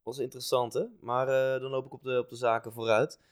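A man co-hosting a podcast in relaxed, casual chat, pausing often with fillers. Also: medium pitch, clean tone, no echo, clean studio sound. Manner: relaxed, hesitant with many fillers. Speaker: podcast co-host. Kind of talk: casual chat about motor racing.

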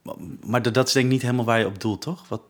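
A man's voice: mid-range voice, fairly even intonation, racing. A young man hosting a podcast, chatting casually with many stammers and restarts. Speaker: podcast host. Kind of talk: casual chat.

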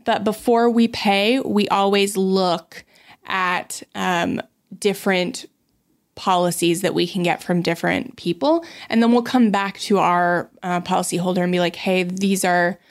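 A woman's voice: medium pitch, steady tone, unhurried. A woman co-hosting a podcast in casual chat, talking with many fillers and acting out quoted exchanges. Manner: conversational, many "um"s, acts out quoted dialogue. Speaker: podcast co-host. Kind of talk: casual chat about personal finance.

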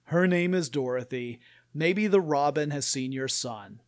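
A depressive toy donkey, played by a man, mopes along in a slow drone. He sounds resigned to everything. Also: fairly high pitch, natural voice. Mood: gloomy.

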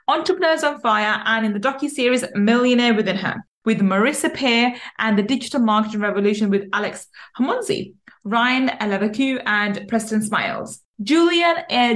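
A woman hosting a podcast interview, upbeat and effusive as she welcomes and questions her guest. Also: fairly high pitch. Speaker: podcast host.

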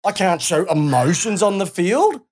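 A woman's voice: fairly low pitch, big pitch swings, a little slow, darkish tone. A woman with an Australian accent co-hosting a casual sports podcast, ranting and swearing freely. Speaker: podcast co-host.

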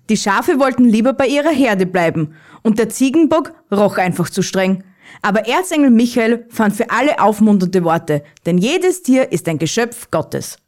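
A woman calmly reading a children's Christmas story aloud as narrator. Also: a little high.

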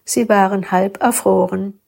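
Lady reading a story out loud, gravelly husky voice, calm and steady. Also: mid-range voice, unhurried. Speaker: story reader. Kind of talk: first-person storybook reading.

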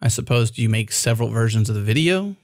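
A male podcast host with a gravelly voice and noticeable vocal fry. He talks in a conversational way and lets his questions ramble. The sound is dry and close. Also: medium pitch, animated, fast, darkish tone, no echo. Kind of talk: casual podcast interview.

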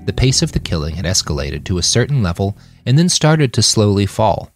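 Reading his fiction podcast like a dramatic audiobook, a man acts out the dialogue of his scripted story. His lowish voice is sing-song and a little fast, and faint music runs behind it.

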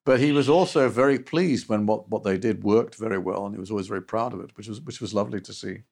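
An older man, recalling his past as an interview guest in a halting, reflective way. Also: fairly low pitch, vocal fry. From United States. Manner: halting, with restarts and soft trailing endings. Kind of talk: reflective personal recollection.

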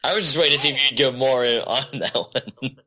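Bright, joking man on a podcast. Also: mid-range voice. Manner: joking, quick quips. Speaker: podcast co-host. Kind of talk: casual podcast chat.

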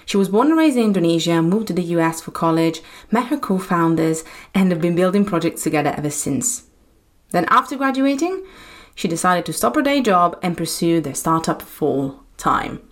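Woman, podcast host, enthusiastic and chatty. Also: mid-range voice. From Italy. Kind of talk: upbeat podcast introduction.

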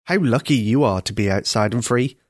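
A man's voice: medium pitch, fairly quick, dry recording, studio quality, natural voice. A man reading a storybook aloud, voicing a sorrowful, noble young prince who speaks plaintively and formally.

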